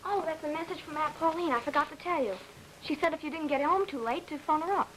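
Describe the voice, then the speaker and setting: An actress playing a talkative, romantic-minded young daughter in a 1950s family drama, earnest and inquisitive. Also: female voice, sits high, fast talker, fairly bright tone, a little hiss or hum, poor audio. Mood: matter-of-fact.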